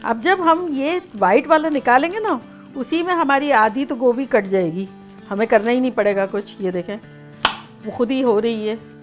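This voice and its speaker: A woman with a fairly high voice and lively intonation hosts a home cooking demonstration at a normal speed, with soft music playing in the background. She's chatty and playful as she talks through each step, breaking into snatches of songs along the way.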